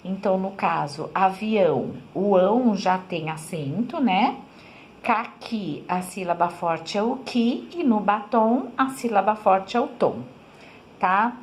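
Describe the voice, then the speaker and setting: A woman's voice: mid-range voice, slow pace, darkish tone. A woman teacher, patiently explaining a school lesson to her pupils and checking in with them often. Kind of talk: recorded remote class lesson. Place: home room, writing on board.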